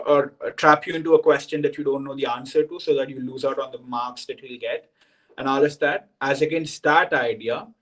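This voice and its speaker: A man's voice: medium pitch, rough recording. A young man, a senior student explaining things to new students on a video call and checking in with "right?". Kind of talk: orientation talk to students.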